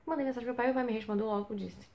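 Young female vlogger, mellow slightly high voice, chatty storyteller, basement room. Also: rapid-fire. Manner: chatty, animated retelling with rhetorical questions. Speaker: vlogger on exchange. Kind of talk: casual storytelling vlog. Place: small basement bedroom indoors.

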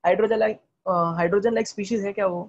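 A man teaching chemistry in an online class, talking fast, quizzing students with repeated questions and mixing English terms into Hindi. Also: high-pitched, fairly even intonation, a little mellow, muffled recording. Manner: talks fast. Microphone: video call.

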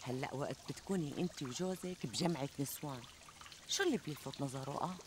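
Casting: chatty, coaxing Syrian best friend, TV comedy, quick emphatic delivery, faint outdoor noise. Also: female voice, a bass voice. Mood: reassuring, curious. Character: flattering, reassuring, chatty woman friend. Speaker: actress in a TV comedy drama. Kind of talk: conversational TV comedy sketch acting. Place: outdoors in a garden. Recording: outdoor ambience, trickling water noise.

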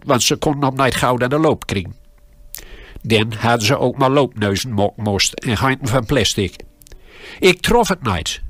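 A man with a Groningen dialect telling a humorous story on the radio with dry, deadpan humor. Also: mid-range voice, dry recording.

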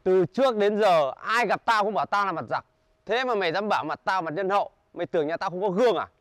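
A young man, acting a gruff, threatening car owner in a comedy sketch. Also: high voice, no echo, clean studio sound. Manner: gruff, threatening, quick to shout. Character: tough-faced man, menacing bully of a car owner.

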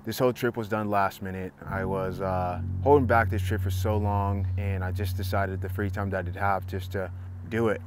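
A man's voice: low-pitched, moderate pace. Laid-back young man vlogging outdoors. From Southern California. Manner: relaxed, laid-back, spontaneous. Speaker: photographer and vlogger. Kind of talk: casual talk to camera. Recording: noisy outdoor ambience.

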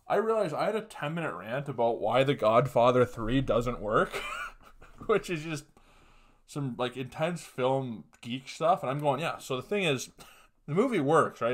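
Profane young man telling rambling stories. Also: medium pitch. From Canada. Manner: rambling, profane, animated storytelling. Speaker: podcast host. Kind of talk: casual comedic storytelling. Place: small room at home, indoors.

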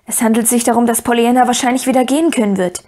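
An eager young boy who pleads and presses his point in urgent, breathless bursts, as a woman reading a storybook puts him on. The voice sits fairly high and rushes along when he gets going. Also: fairly even intonation, mellow, close to an everyday voice. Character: eager earnest young boy, talking fast. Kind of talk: audiobook character voice.

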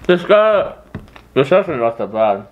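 A man's voice: medium pitch, very animated, slow pace, muffled recording, background noise. A man talking while chewing, in a casual, joking chat. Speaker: friend tasting food. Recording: music playing behind.

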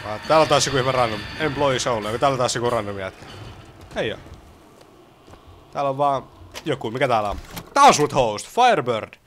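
A young man gives let's play commentary while he plays. He is excitable and swears a lot, and his pitch jumps around. Game sounds are clearly heard behind him. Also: long pauses, noisy background. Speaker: gaming streamer. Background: video game sound.

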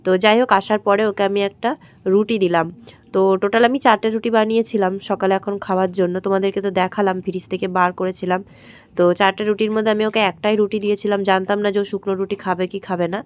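A woman with a hoarse throat, chatting straight to her viewers in a daily-life vlog voice-over recorded at home. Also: mid-range voice, flat delivery, fast. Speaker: vlogger.

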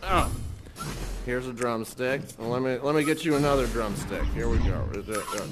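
A man's voice: medium pitch, moderate pace, noisy background. A man chatting casually in character during a roleplay game, jokey and rambling in an upbeat way. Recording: music playing behind.

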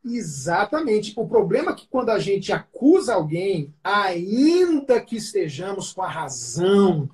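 A man with a Brazilian Portuguese accent, a pastor giving family advice in a relaxed talk, telling stories and acting out the dialogue in them. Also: sits high. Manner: storytelling, acts out quoted dialogue. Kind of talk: family counseling talk with anecdotes.

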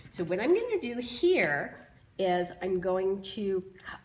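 A slightly hoarse woman demonstrating bow making in a live craft tutorial, chatting with viewers as she explains each step. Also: medium pitch, big pitch swings, slow pace, noisy background. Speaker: craft tool creator demonstrating bows.

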